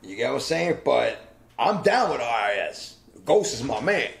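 Gravelly streetwise New York man. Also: mid-range voice, moderate pace, crowd noise. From the Bronx, New York. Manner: streetwise, animated storyteller, acts out voices. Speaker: interviewee, graffiti writer. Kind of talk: casual storytelling interview.

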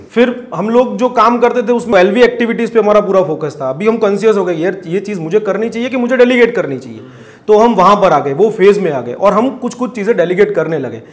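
A man's voice: high voice, animated, brisk. A man giving an earnest testimonial about a seminar, often repeating himself and restarting his sentences. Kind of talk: casual testimonial.

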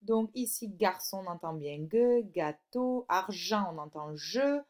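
A woman teacher giving a recorded phonics lesson to a young child, slowly stretching out example words and checking in with "d'accord?". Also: medium pitch, expressive, a little mellow. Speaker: primary school teacher.

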